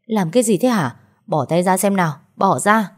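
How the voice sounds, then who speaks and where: A woman's voice: fairly low pitch, animated, fairly quick, warm tone. A woman voicing a drunk, lecherous older male sales manager who blusters and then grovels, stammering through fillers. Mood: angry.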